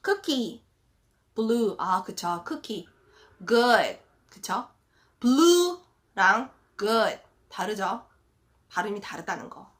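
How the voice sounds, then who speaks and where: A woman's voice: medium pitch, expressive, takes it slowly, pauses often. A woman who is an English teacher and a mother, chatting directly to viewers on a live stream and mixing English words into her tips.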